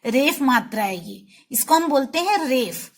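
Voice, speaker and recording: High-voiced woman teaching children. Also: expressive. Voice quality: slow, drawn-out syllable-by-syllable pronunciation. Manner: patient, repeating words for children to echo. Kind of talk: Hindi spelling lesson for children.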